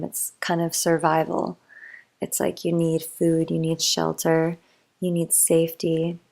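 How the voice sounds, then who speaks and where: Young woman just rambling chattily to help you sleep, kinda low and flat, lots of likes and ums. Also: vocal fry. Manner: meandering, motivational, chatty with fillers. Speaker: bedtime talk creator. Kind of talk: rambling sleep-aid monologue.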